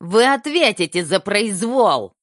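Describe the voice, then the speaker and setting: A reader voicing a corrupt, panicky male head doctor with a shrill, squeaky voice in an audiobook. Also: sing-song, slow pace, fairly bright tone, no room sound, studio quality. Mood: indignant.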